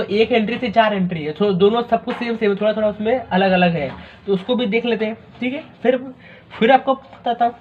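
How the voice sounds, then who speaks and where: Chatty young male accounting teacher. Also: high voice. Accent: Maharashtra. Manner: chatty, joking, addresses students as "bhai". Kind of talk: informal recorded lecture. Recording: slightly dull recording with faint noise.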